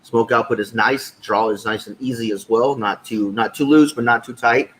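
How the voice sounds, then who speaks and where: A man's voice: mid-range voice, steady tone, normal speed, fairly bright tone, slight background noise, poor audio. A man co-hosting a podcast in a casual, conversational review style. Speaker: podcast co-host. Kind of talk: casual cigar review chat.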